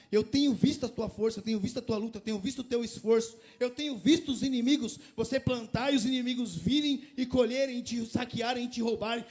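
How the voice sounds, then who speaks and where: A male preacher giving voice to God, speaking slowly, softly and gently to a weary man. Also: extremely high pitch.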